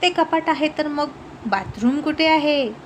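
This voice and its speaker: A woman's voice: high voice, a little slow, a little hiss or hum, pitched above the performer's own voice. A woman voicing a tipsy young wife who talks in a childish, pleading, petulant way in a storybook reading. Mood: drunk, whiny. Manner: sing-song, pleading, petulant. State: drunk. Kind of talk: storybook narration.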